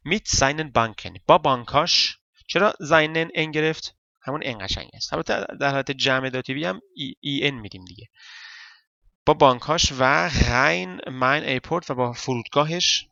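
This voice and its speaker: A man whose first language is Persian, teaching a German lesson step by step and reading German sentences slowly. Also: medium pitch, animated, vocal fry, sharp tone, dry recording, highs cut off. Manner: explains step by step, counting parts aloud; reads German slowly and deliberately.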